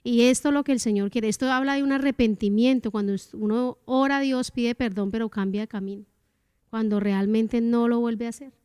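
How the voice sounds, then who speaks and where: A woman's voice: fairly high pitch, fairly even intonation, fairly quick, darkish tone, clear, resonant tone, clean studio sound. A woman co-pastor speaking earnestly in a sermon, sharing her own testimony. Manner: earnest testimony, echoes her husband's phrases.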